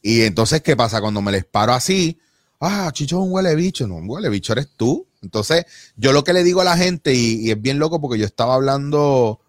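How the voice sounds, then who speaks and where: A man's voice: mid-range voice, lively intonation, brisk, no echo, clean studio sound. A man with a Puerto Rican accent, a guest on a casual podcast, talking bluntly and with feeling and swearing freely. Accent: Puerto Rican Spanish.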